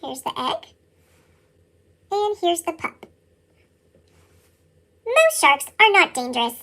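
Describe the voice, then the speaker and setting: Chipmunk-effect reader, squeaky and very high, lively sing-song read-aloud. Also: slow pace. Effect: sped-up chipmunk voice. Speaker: storybook reader. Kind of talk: reading a nonfiction picture book aloud.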